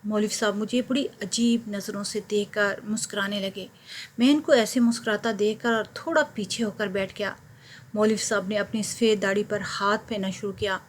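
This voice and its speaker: A woman narrating a first-person story in a steady, earnest storytelling manner. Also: mid-range voice, moderate pace, a little hiss or hum.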